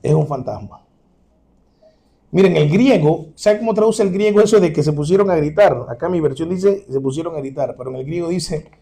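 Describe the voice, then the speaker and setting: Animated preaching man, gravelly and warm. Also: a little high. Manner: animated preaching, dramatic re-enactment, chuckles. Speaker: pastor. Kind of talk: sermon.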